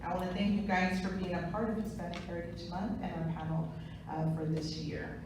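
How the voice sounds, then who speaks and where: A woman moderating a school panel, introducing each member by name and title and reading the list in quick bursts. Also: lowish voice, little pitch movement. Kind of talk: event introductions. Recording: echoey hall from far off, noisy.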